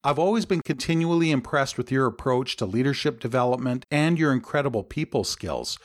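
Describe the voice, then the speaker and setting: A man's voice: medium pitch, animated, a little fast. A man hosting a podcast interview, complimentary and encouraging toward his guest. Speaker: podcast host.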